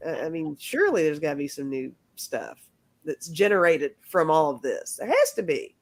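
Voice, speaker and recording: A woman talks casually through a card reading, stopping and restarting as she goes. Her voice sits a little low but moves around a lot in pitch. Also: very animated. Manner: halting, restarts, laughs often. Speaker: card reader. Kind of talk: casual chat.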